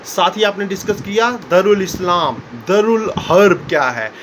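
A man teaching a school history lesson, explaining step by step, acting out quotes and often checking with "clear?". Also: sits high, lively intonation, a little slow, a bit bright, slight background noise. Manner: explanatory, keeps asking "clear?" and acts out quotes.

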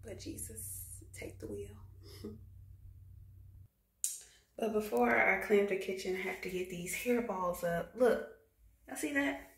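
Speaking slowly and pausing often, she has a gravelly mid-range voice. In this casual cook-with-me vlog she chats and laughs a lot, addressing viewers directly while moving from her home bathroom to the kitchen. The sound comes from a phone camera held at arm's length in an echoey house.

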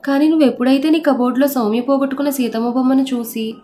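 A woman voicing a guilty middle-aged father-in-law who defends himself and pleads, in a mellow, fairly high voice. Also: steady tone, fast talker, soft background music, natural voice. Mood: pleading.

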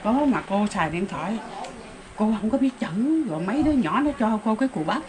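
Older southern vietnamese lady rambling on, everyday pitch, noisy recording. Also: animated, fairly quick. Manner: plain-spoken, rambling, with exclamations. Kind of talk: casual rural storytelling. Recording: noticeable background noise.

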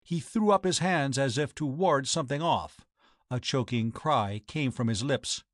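A man reading a mystery story aloud in a steady, measured way as audiobook narrator. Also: medium pitch, dry recording, clean studio sound. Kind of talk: scripted narration.

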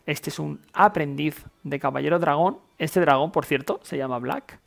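Creaky-voiced Castilian Spanish man commenting on games. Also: fairly high pitch, normal speed, a bit bright. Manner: colloquial, informal, thinking aloud. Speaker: video game player and commentator. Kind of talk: casual gameplay commentary. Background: game music.

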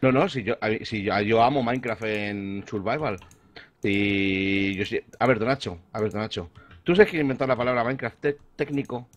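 A man's voice: on the low side, normal speed. A young man gaming with a friend, joking, boasting and clowning around playfully. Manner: playful, jokey boasting, puts on voices. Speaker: co-player, guest. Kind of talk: casual let's-play banter.

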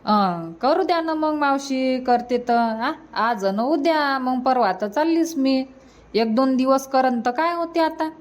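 A woman with a high, animated but slow voice plays a homely, earnest young married niece visiting her village family in a cartoon comedy. Speaking with a Varhadi Marathi accent in rural dialect, she sounds matter-of-fact.

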